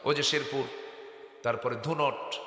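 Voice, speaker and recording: North bengal preacher going big, bright sharp voice, loud echoey loudspeaker sound, keeps getting the crowd to shout back. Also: male voice, medium pitch, steady tone, a little slow. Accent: North Bengal Bangladeshi Bengali. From Bogura, Bangladesh. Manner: impassioned, rising to shouts, calls for crowd responses. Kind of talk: Bengali waz sermon to a crowd. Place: religious gathering with audience.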